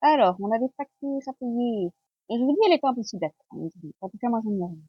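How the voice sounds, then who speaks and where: A woman's voice: fairly high pitch, expressive, fast, breathy edge, no room sound, dull audio. A woman with a French accent in a casual home vlog, chatting as she unboxes gifts. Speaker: vlogger.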